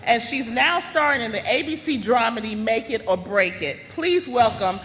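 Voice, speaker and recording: A woman's voice: on the high side, animated, moderate pace, fairly bright tone, a little hiss or hum. A woman presenter giving an enthusiastic introduction from a stage. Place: large indoor gala hall. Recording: reverberant hall PA sound.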